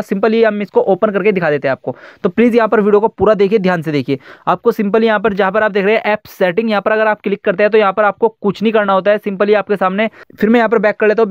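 A young man hosts a casual phone-app tutorial in a high, clear voice. He talks quickly and chattily, stringing steps together with fillers. The recording is dry and a little muffled. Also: no room sound. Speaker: YouTube tech tutorial host.

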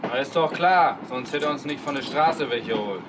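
An actor playing a bossy, know-it-all private gossiping in a period military film. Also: male voice, moderate pace, natural voice. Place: inside a train compartment. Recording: noisy old film soundtrack, train rumble.

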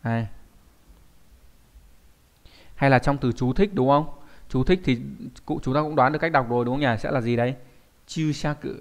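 A man, teaching kanji in an online lesson and often checking in with students through quick questions. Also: mid-range voice.

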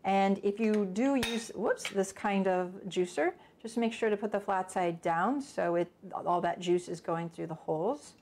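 Talking with hardly a pause, this middle-aged woman runs an informal cooking lesson from her own kitchen, musing aloud while she cooks. Her darkish, mid-range voice keeps a measured pace, recorded from a camera set a few steps back.

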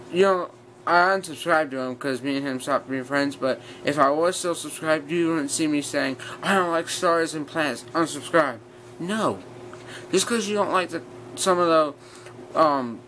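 Bright-voiced young man talking through a retainer. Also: fairly high pitch, low-quality recording. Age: teens to young adult. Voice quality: speech slightly slurred by a retainer in the mouth. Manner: rambling, blunt. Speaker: vlogger. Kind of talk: casual rant to viewers. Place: small bedroom, sitting on bed. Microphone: built-in device mic at arm's length. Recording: clear steady fan noise, bedroom ambience.

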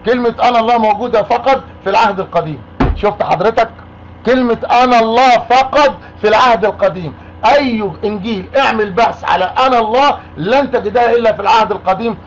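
Egyptian guy arguing on a call, high voice, rapid, keeps demanding the same thing, muffled recording. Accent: Egyptian Arabic. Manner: insistent, repeats demands. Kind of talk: argumentative phone call. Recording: muffled lo-fi call with faint noise.

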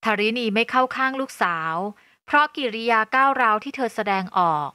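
A woman narrating a novel aloud in a steady storytelling voice. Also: fairly high pitch, a little fast, dry recording, clean studio sound. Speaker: audiobook narrator. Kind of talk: scripted narration.

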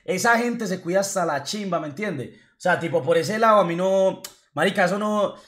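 Brash high-voiced young man. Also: normal speed. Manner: brash, profane slang, animated. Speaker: streamer. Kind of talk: casual stream chat.

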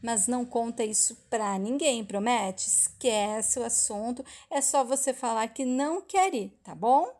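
A woman's voice: fairly high pitch, measured pace, few pauses, darkish tone, lightly acted. A woman with a Brazilian Portuguese accent reads a scheming woman's lines as she persuades a little boy, pressing her points with insistent, dramatic stress. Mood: coaxing.

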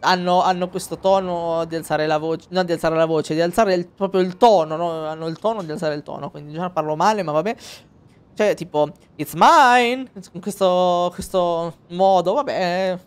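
A man's voice: on the high side, steady tone, brisk, hardly any pauses, darkish tone, clean tone. A man streaming a video game, casually commenting, rambling and swearing with jokes as he plays. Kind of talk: casual let's-play commentary.

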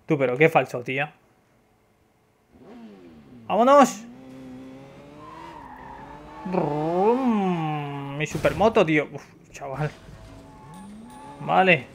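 A young man with a Spain Spanish accent giving excitable, casual gameplay commentary with loud exclamations and frequent swearing, sounding slightly congested. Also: on the high side, slow pace, pauses often, a little hiss or hum. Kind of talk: casual let's-play commentary.

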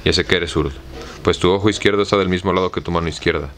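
A man with a Mexican accent reading the part of an excitable, obsessed gentleman in an audiobook, in a slow, plain way. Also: deep voice, slight background noise. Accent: Mexican Spanish.

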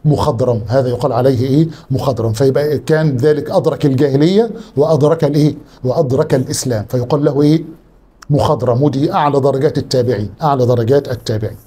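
A man with an Egyptian Arabic accent teaching a religious lesson as a sheikh, prompting his students with questions and slowing down to spell out word forms. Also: medium pitch, mellow, breathy edge.

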